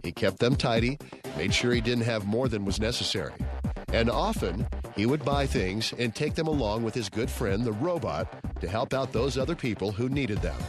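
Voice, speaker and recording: A man reading a children's story aloud in a steady, gentle storytelling manner. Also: medium pitch, normal speed, music in the background. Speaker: story reader. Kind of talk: scripted storybook narration.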